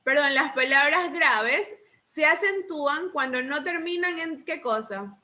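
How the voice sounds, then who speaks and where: High bright-voiced woman teacher. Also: expressive. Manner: patient, quizzing students with repeated questions; slow deliberate dictation of rules. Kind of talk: online remedial class.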